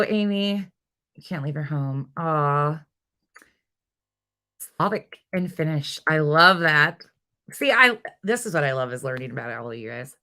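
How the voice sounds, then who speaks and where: A woman with a deep, slightly bright voice hosts a relaxed livestream. She reads and answers viewer comments, skipping informally between replies.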